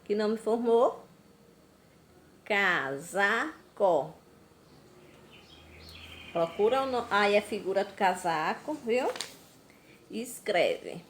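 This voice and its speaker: A Brazilian woman teaching a recorded class to young children, slow and patient, drawing out words. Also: medium pitch, slight background noise. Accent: Brazilian Portuguese. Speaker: primary school teacher. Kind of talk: recorded remote class lesson.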